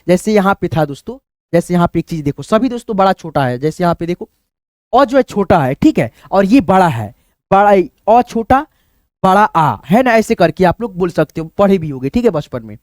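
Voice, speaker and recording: A man's voice: high voice, very animated, brisk, a little mellow, no echo, clean studio sound. A man teaching a language lesson in a chatty way, often calling his listeners friends, checking they follow, and drawing out vowel sounds to show them. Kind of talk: screen-based language lesson.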